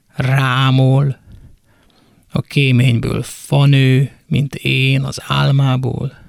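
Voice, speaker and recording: A man giving a dramatic poetry recitation, moving between hushed whispers and intense, raised lines. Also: medium pitch, vocal fry, dry recording, clean studio sound. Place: radio studio.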